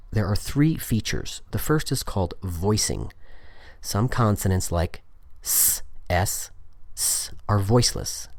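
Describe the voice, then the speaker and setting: Deep-voiced man explaining patiently. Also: a little mellow, dry recording. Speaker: language teacher podcast host. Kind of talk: explanatory lesson monologue.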